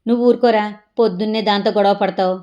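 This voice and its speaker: A woman doing a loud scolding Telugu mom. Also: medium pitch, steady tone, quick pace, highs cut off, lightly acted. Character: scolding middle-aged mother, bossy but loving. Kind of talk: comic family sketch.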